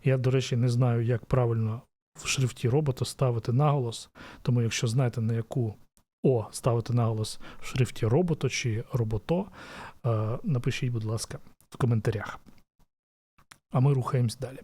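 A man's voice: medium pitch, fairly even intonation, brisk, mellow. A man explaining a design topic in a casual lesson, thinking aloud with frequent fillers and restarts. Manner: thoughtful, many "e" fillers and restarts. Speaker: design educator.

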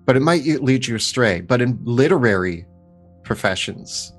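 Male tabletop player, mid-pitched, casual conversational delivery over music. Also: lively intonation, moderate pace. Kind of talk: casual in-character game chat.

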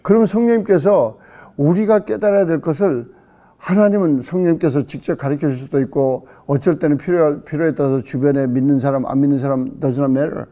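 A middle-aged male pastor giving a casual Bible-study sermon, acting out questions with sudden loud outbursts and dropping in English words. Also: on the high side, brisk.

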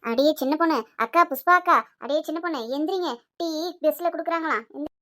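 A woman voicing several chatty village women in a cartoon, loud and bossy. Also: high voice, fast. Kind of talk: cartoon voice acting.

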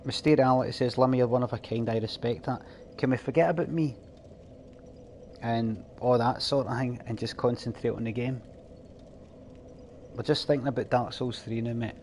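A man streaming a video game live, talking straight to his chat with deadpan, mock-exasperated scolding and plenty of swearing. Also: medium pitch, normal speed, long pauses, a little hiss or hum. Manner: addresses chat readers directly, swears freely.

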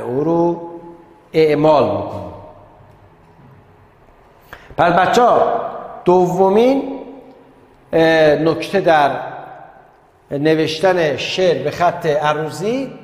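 Echoey male teacher lecturing pupils. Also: on the high side. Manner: repeats key words, addresses pupils directly. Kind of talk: online class lecture. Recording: echoey room with long reverb.

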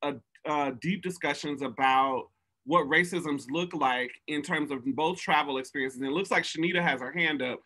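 A man moderating a discussion on a video call, encouraging and measured. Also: fairly high pitch, pushed and bright. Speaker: director and moderator.

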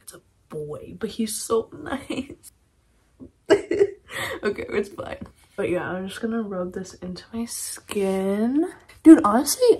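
A young woman chatting casually through a get-ready-with-me vlog at home, laughing often and slipping into soft whispers. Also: medium pitch, breathy edge. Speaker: beauty vlogger.

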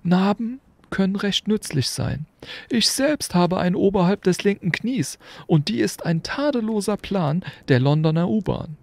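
A man voicing an elderly, calm and wry headmaster wizard, with a measured, gently dry delivery. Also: sits high, vocal fry, no echo, pitched above the performer's own voice, heavily acted.

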